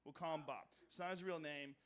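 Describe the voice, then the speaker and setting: A man doing stand-up comedy on a club stage, telling a story loudly and profanely, with mumbled asides and shouted punchlines. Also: fairly high pitch, fairly even intonation, brisk.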